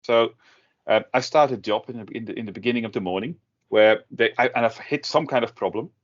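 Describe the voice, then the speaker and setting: A man's voice: medium pitch, fairly quick. A middle-aged man from the Netherlands, talking casually in an interview with many fillers and restarts. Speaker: guest, tech blogger. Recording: dull lo-fi audio.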